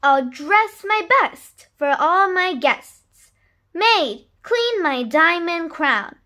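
A woman's voice: extremely high pitch, big pitch swings, very slow, bright, forceful tone, full character voice. A woman voicing a vain, demanding spider queen from a children's storybook.

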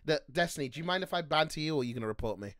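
A young man hosts a stream from a small room at home, talking into a desk mic. His high voice swings all over, with a bright, sharp edge as he loudly teases his guests. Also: expressive, racing, no echo, clean studio sound. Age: 20s. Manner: teasing, loud, laughing often. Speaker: streamer host. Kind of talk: casual stream banter.

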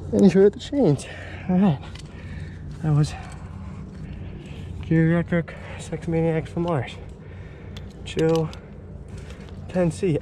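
A young man with a slightly high voice talks to himself while exerting himself on a climb. His delivery is slow and halting, in short casual slangy phrases. It is picked up outdoors on a body-worn camera with clear background noise. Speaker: rock climber. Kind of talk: casual muttered self-commentary while climbing. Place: outdoors on a rock cliff face. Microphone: body-worn action camera.

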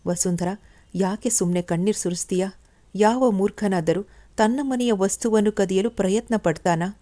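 A woman's voice: medium pitch, moderate pace, warm tone, no room sound, lightly acted. A woman voicing a chiding, caring young man.

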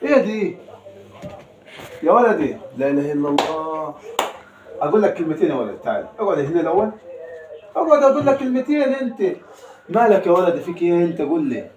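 A man's voice: high-pitched, sing-song, fast talker, pauses often, reverberant, dull audio, background noise. A man, chatting with and teasing his small son, scolding playfully and laughing often. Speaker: father.

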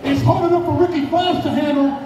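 A man giving live, excitable play-by-play wrestling commentary, raising his voice to a shout at the big moments. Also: extremely high pitch, brisk, background noise. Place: indoor bar venue with wrestling ring. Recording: echoey venue from far off, loud crowd and music.

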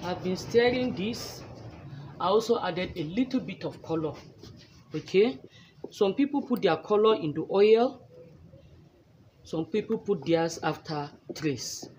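Woman instructor, unhurried walkthrough, mid-pitched voice, noisy phone recording with clear hiss behind her. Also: animated, darkish tone. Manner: slow, chatty step-by-step explaining. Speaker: soap-making instructor. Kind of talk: casual hands-on demonstration. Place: indoor workspace.

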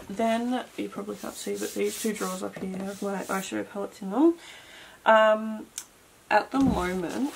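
A gravelly, medium-pitched voice belongs to a twenty-something beauty vlogger who tidies her room while chatting casually and rambling with lots of fillers. The setting is a cluttered indoor bedroom beauty room, and the home camera audio is noisy.

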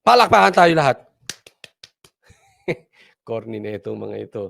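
A man's voice: mid-range voice, big pitch swings, a little slow, gravelly, a bit bright. A man hosting casual political commentary, mocking and laughing often and repeating his points for emphasis.

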